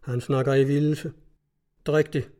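A man's voice: mid-range voice, flat delivery, warm tone, lightly acted. A man voicing an irate male customs-cutter captain who curses and barks orders, in a read-aloud story. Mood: stern. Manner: gruff, cursing, barking orders.

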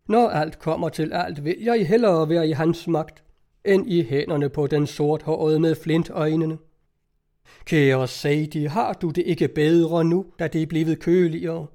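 A man's voice: on the high side, dark tone, lightly acted. Miss Adams, a man reading as a fussy old aunt. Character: fussy elderly aunt, devout and talkative.

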